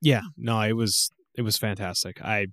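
A man in casual podcast chat, telling stories in an animated way and acting out his own reactions. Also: on the low side, moderate pace, dry recording, clean studio sound. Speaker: podcast co-host.

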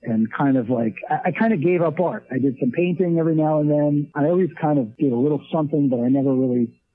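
A man in his late thirties, a leatherwork artist appearing as an interview guest, talks casually and rambles with many restarts and fillers. His voice is fairly high and fast, coming through a tinny phone line.

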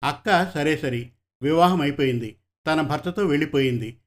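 A man's voice: on the high side, normal speed, close to an everyday voice. A man reading the heartfelt lines of a hurt young unmarried son in a storybook. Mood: aggrieved. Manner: earnest, heartfelt.

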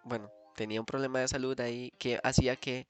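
A man's voice: mid-range voice, little pitch movement, fast, no room sound. Costa Rican man telling a story. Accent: Costa Rican Spanish. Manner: rambling, with many fillers and restarts. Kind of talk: casual chat.

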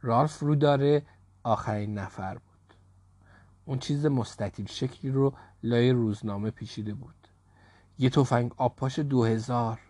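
A man reading a children's story aloud in a lively, expressive way. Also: medium pitch, no echo.

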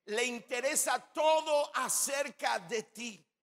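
High-voiced man preaching in an echoing hall. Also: slow pace, a bit bright. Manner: emphatic preaching, addressing the congregation directly. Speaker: pastor. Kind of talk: sermon.

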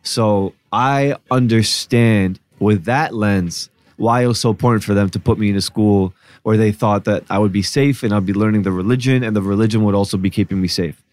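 A man with a low voice tells his story as a podcast guest, calm and reflective, with plenty of casual filler words. He is from New Jersey, and his voice sounds dry and close to the mic. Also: fairly quick, hardly any pauses, dry recording. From Newark, New Jersey, US. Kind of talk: casual conversation.

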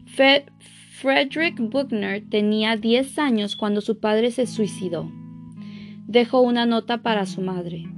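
A woman's voice: a little high, unhurried. Woman reading aloud over guitar music. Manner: earnest, with small stumbles and self-corrections. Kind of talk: reading a book aloud with casual asides. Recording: guitar music playing underneath. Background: soft guitar music.

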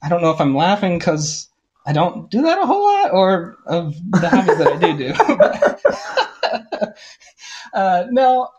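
A man in his twenties from Ohio, a podcast guest, answering in a relaxed way with frequent laughs and ums. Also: sits high, unhurried, pauses often, breathy edge. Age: 20s. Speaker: guest, audio engineering tech. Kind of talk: casual interview chat.

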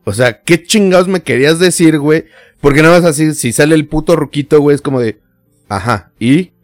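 A man's voice: a little high, fast, no echo, clean studio sound, soft background music. A young man with a Mexican Spanish accent, tipsy, joking through a casual podcast chat. He swears freely and talks in heavy slang. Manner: slangy and profane, jokey. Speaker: podcast co-host.

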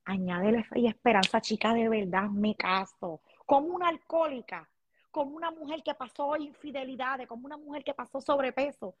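A woman's voice: high voice, a little fast, muffled recording. A woman hosting a live stream, effusively thanking viewers by name and chatting casually. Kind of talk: casual live stream chat, reading comments.

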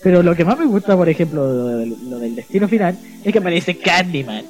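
A man's voice: high-pitched, very animated, brisk, a little mellow, faint music behind. A young Chilean man co-hosting a casual podcast, rambling and hesitant as he searches for a film to recommend. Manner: hesitant, rambling, laughs at himself. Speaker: podcast co-host. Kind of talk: casual chat.

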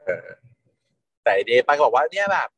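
A man's voice: on the high side, big pitch swings, a little fast, husky. Chatty man retelling drama, laughing. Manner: chatty, laughs often, blunt slangy storytelling. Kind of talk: casual gossipy recap of a TV series.

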